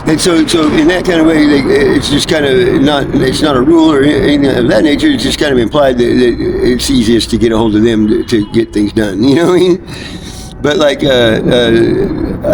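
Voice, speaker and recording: A middle-aged American man with a folksy country drawl, chatting casually in a rambling, halting, profane way. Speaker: homeless interviewee. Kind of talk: casual street chat. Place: outdoors near railroad and traffic. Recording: noisy outdoor recording with traffic rumble.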